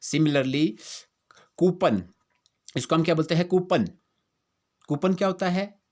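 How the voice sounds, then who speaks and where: An Indian man teaching English pronunciation in a slow, deliberate way. His voice sits somewhat high for a man, and he keeps asking rhetorical questions. He reads definitions carefully and repeats each word several times. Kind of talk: explanatory lesson mixing Hindi and English.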